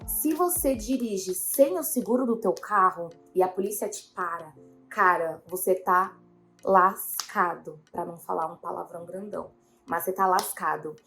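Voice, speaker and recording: A woman's voice: lowish voice, normal speed, a bit bright, faint music behind. Rambling young woman vlogger. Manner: rambling, many fillers, quoting herself. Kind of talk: casual storytelling to viewers.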